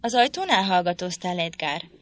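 A woman's voice: mid-range voice, a bit bright, no echo, natural voice. A woman voicing a defiant, scornful young lady of the house, speaking in a cutting, disdainful way in an audiobook reading.

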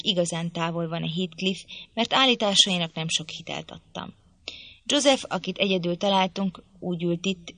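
A woman narrating a literary audiobook in a measured, even storytelling manner. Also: fairly low pitch, gravelly, no echo.

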